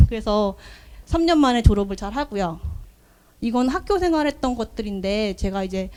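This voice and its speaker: In an event hall, a woman with a fairly high voice gives a business showcase presentation. She speaks earnestly and softly, telling personal stories sprinkled with frequent fillers.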